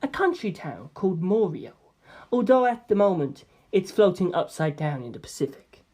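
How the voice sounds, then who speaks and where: In a novel reading, a woman voices a calm teenage boy who is a gentle, cryptic friend. She speaks quietly and breathily in a lowish register, measured and soft-spoken with a knowing air. The mood is gentle and solemn.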